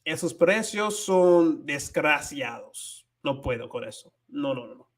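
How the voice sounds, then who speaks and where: This slow-speaking, animated streamer from the United States has a slightly high voice and teaches Spanish. He goes back and forth between Spanish and English while reading viewers' comments casually, often stumbling as he hunts for words.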